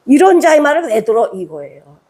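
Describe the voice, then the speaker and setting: A woman's voice: high-pitched, big pitch swings, fairly quick, warm tone, husky. A woman pastor preaching a sermon in a conversational way, reading scripture and then explaining it with rhetorical questions. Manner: reads scripture aloud, then explains it in plain speech.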